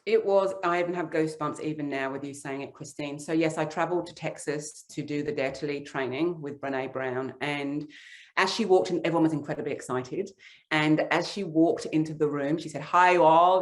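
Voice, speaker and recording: A woman author being interviewed, answering in an earnest, reflective storytelling way. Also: low-pitched. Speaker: author and leadership guest.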